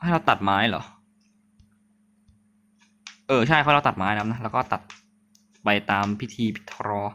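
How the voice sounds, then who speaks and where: A young man thinks aloud as he plays, in a loose, chatty commentary. He jokes with his viewers and lets out quick startled yelps, keeping up a stream of self-talk. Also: mid-range voice, lively intonation, pushed and bright, slight background noise. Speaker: gaming channel host. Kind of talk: casual let's-play commentary.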